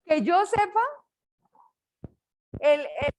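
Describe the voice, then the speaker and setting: An older woman from Colombia with a Colombian accent, teaching a class with a lively, joking manner. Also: high voice, drawn-out words, poor audio. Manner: lively, jokes with students. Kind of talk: online class lecture.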